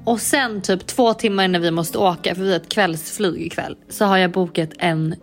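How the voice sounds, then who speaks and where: A woman co-hosting a podcast in casual chat, relaxed and chatty with lots of filler words, talking in from a hotel on holiday. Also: lowish voice, faint music behind. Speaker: podcast co-host. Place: hotel on holiday, remote recording.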